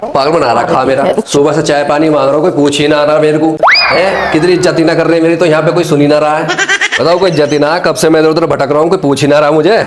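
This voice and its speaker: A man's voice: on the high side, fairly even intonation, quick pace, roomy sound, very noisy. A man playing a grumbling guest in a comedy skit, complaining that no one looks after him. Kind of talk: comic skit acting.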